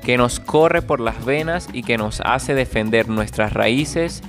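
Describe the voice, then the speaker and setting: A man's voice: medium pitch, fairly bright tone. Man narrating over faint music. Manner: measured explanatory. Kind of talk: scripted narration.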